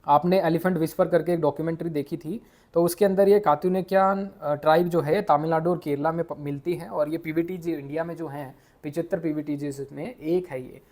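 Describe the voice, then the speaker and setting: A man from India with an Indian accent, teaching a quick exam revision lesson, mixing English into his speech and stumbling over hard names. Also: fairly high pitch, fairly even intonation, darkish tone. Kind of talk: casual exam revision lecture.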